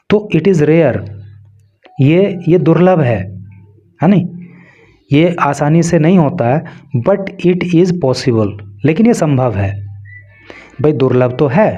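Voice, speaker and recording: A man's voice: mid-range voice, mellow, dull audio. A man with a Hindi accent teaching English through a newspaper, reading phrase by phrase and explaining each word's meaning in Hindi. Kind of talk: line-by-line newspaper translation lesson.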